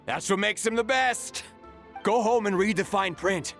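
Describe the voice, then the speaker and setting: An actor playing a smug, scheming, boastful debt collector in a video game, with theatrical delivery. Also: male voice, high-pitched, unhurried, creaky, a bit bright, full character voice. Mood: smug, taunting. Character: smug, scheming male debt collector loyal to his boss. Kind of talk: dramatic video game voice acting. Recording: background music under the voice.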